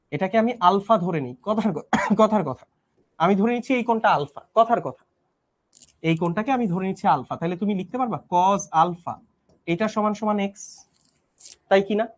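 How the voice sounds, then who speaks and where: A young man teaching a live online math class, speaking softly with a strained voice, patiently repeating each step and often checking whether students follow. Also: sits high.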